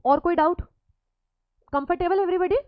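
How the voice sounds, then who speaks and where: A woman's voice: very high voice, moderate pace, no echo, muffled recording. A woman teacher giving a classroom lecture, teasing and playfully scolding her students as she mixes Hindi with English.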